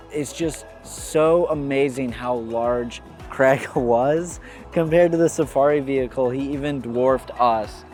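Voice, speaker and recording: A man's voice: medium pitch, darkish tone. A man narrating his travel vlog in an enthusiastic, casual way, with a laugh now and then. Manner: enthusiastic, laughs while talking. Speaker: travel vlogger. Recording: faint music behind.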